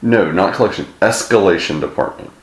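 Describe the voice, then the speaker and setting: A man's voice: deep voice, a little fast. A man calling a customer service line, talking casually, a little hesitant but persistent. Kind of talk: casual phone inquiry. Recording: echoey room, clear background noise.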